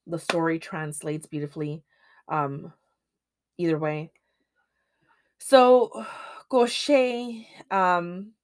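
A woman's voice: medium pitch, no echo, clean studio sound. A woman hosting a solo podcast in casual chat, rambling with many ums and restarts. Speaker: podcast host.

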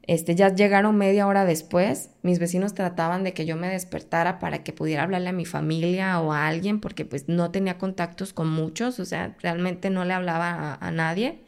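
A Mexican woman speaking as a podcast guest, her voice sitting a little low. She tells a personal story in conversation and voices her past pleas as she speaks. The telling stays intense throughout. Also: steady tone, brisk, gravelly, few pauses, a little mellow, smooth.

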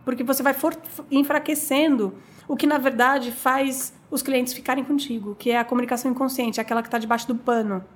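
High-voiced chatty woman guest. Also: fairly quick. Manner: animated, chatty, lots of fillers and restarts. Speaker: guest, coffee business owner. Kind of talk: conversational interview storytelling.

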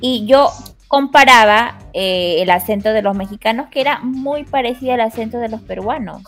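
A woman's voice: on the high side, moderate pace, fairly bright tone. Young Lima woman, Peruvian accent, chatty podcast co-host, faint music bed. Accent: Peruvian Spanish, Lima. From Peru. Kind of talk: casual panel chat.

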